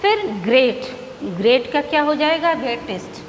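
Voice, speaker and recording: Slow, high-voiced woman teaching grammar. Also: animated, dull audio. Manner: slow, repetitive explaining, mixing English words. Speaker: English teacher. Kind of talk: grammar lesson. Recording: echoey room with faint background noise.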